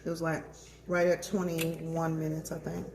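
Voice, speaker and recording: A woman's voice: sits low, monotone, normal speed, background noise. A woman chatting casually in her home cooking vlog, talking straight to her viewers and tasting as she goes. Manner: chatty, addresses viewers as y'all, tastes food on camera.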